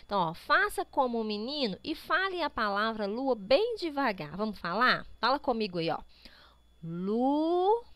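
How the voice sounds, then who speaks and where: A woman's voice: on the high side, very animated, normal speed, few pauses, fairly bright tone, no room sound. A woman teaching young pupils with a Brazilian Portuguese accent, patiently walking through a workbook, drawing out words to sound out syllables and often checking in with the children. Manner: constant tag checks to pupils. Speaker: primary school teacher. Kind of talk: remote class walkthrough of a workbook.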